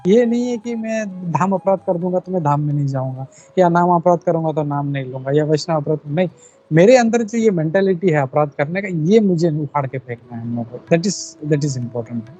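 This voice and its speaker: A man's voice: fairly high pitch, moderate pace, warm tone, dull audio, faint music behind. A man leading a devotional scripture class in Hindi sprinkled with English, explaining earnestly and repeating his key points. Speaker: class leader.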